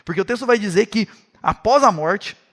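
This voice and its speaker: A man's voice: sits high, a little fast. A man with a Brazilian Portuguese accent teaching a Bible study series, retelling the story vividly and speaking straight to his listeners. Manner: animated storytelling, addresses listeners directly.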